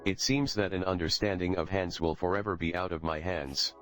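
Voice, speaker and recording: Deep-voiced robot faking being a human, flat formal game-announcer talk, light music behind. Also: male voice, brisk. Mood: deadpan. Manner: formal, stiff, deadpan announcer delivery. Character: male robot researcher posing as a fellow human. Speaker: in-game host voice. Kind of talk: scripted game dialogue. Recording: game audio with background music.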